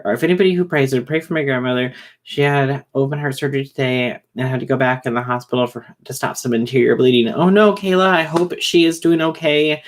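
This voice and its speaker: A man hosting a casual livestream who talks fast and rambles, with many fillers and restarts. He is short on sleep. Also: medium pitch. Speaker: livestream host reading chat.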